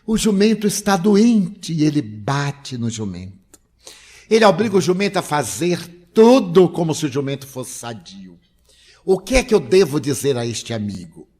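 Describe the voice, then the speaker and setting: An earnest, gentle friar, as an older Brazilian man puts him on, husky. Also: on the high side, big pitch swings, normal speed. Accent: Brazilian Portuguese.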